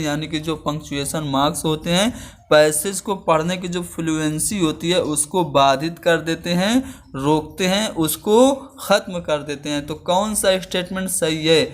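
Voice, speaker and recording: Man, teacher, slightly high voice, patient step-by-step explaining. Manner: explains each term again in simple words, slows down for example sentences. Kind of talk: exam-prep lesson.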